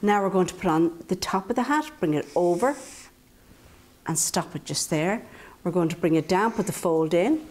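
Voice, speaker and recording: A woman's voice: fairly low pitch, expressive, moderate pace, darkish tone. A woman presenting a step-by-step drawing tutorial for children, talking to them directly in a playful, encouraging way. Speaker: children's drawing instructor and host.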